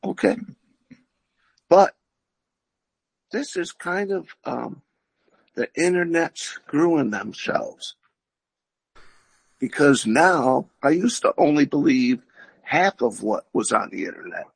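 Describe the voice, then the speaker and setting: A man on a podcast with a gravelly, husky voice, talking slowly and rambling in a folksy way. His pitch sits fairly high and swings a lot. Dry close sound. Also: big pitch swings, dry recording, low-quality recording. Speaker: podcast co-host. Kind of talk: casual chat.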